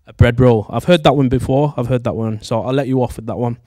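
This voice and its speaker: Fast and dark-toned, the medium-pitched voice belongs to a twenty-something man from Manchester, England, with the accent to match. He is the host of a studio show, interviewing chattily into a handheld microphone in a dark studio theatre with tiered seating, and the studio-quality audio has no echo.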